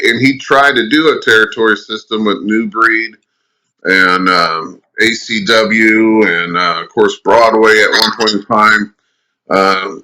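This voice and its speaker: Bright-toned man rambling on a video call. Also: lowish voice, a little hiss or hum, rough recording. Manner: halting, searching for words. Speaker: co-host, wrestler. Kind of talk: casual podcast talk. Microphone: webcam on a video call.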